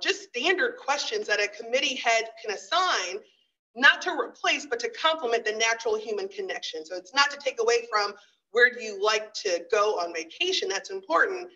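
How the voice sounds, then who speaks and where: A woman speaking as a guest lecturer at a conference, lively and conversational with sarcastic asides. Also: mid-range voice, distant mic, highs cut off.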